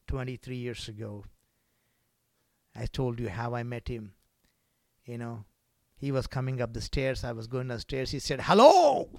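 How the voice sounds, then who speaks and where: A man preaching a sermon in a church, swinging between loud exclamations and soft whispered passages. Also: medium pitch, gravelly, no room sound. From Canada. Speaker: guest preacher.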